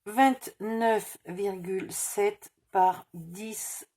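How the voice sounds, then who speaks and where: A woman's voice: mid-range voice, fairly even intonation, drawn-out words, a little mellow. A woman with a slight Provençal accent, hosting a casual crafting tutorial, thinking aloud over measurements and correcting herself. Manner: muttering measurements, self-correcting.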